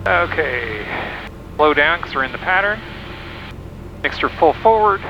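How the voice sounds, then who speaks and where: A man piloting a small plane, calmly calling out his checklist over the cockpit headset intercom. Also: fairly high pitch, measured pace, muffled recording, noisy background. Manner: calm, running checklist callouts. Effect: speaking over the aircraft intercom headset in the cockpit. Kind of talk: talking through a test flight. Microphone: headset mic.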